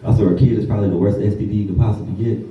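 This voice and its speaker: A young man from Ohio works a comedy club crowd, telling loose, profane stories and jumping into squeaky voices to quote people. His low voice comes from a distant mic in a booming, echoing room. The crowd's laughter is heard behind him, and the sound is a bit dull. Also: fairly even intonation, rapid-fire. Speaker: stand-up comedian. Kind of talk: stand-up comedy with crowd work. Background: audience laughter.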